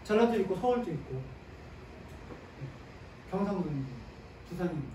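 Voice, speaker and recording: High-voiced man lecturing in an echoey room. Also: lively intonation, normal speed, mellow. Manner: asks the class questions and answers them himself; sprinkles short "네" affirmations while explaining. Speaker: history lecturer. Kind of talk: classroom history lecture. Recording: echoey room, mic at a distance, faint ambient noise.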